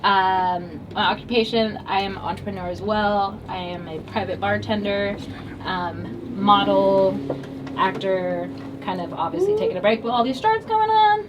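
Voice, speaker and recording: A woman's voice: medium pitch, moderate pace. Woman in her thirties, hesitant, podcast guest, distant mic, background noise. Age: 30s. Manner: hesitant, with fillers. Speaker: panel guest. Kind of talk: casual podcast chat.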